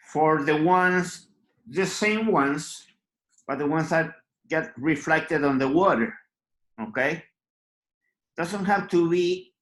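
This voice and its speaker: A man teaching an online drawing class, talking slowly and patiently and often checking in with "okay?". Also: on the high side, a bit bright, roomy sound, low-quality recording. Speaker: art teacher.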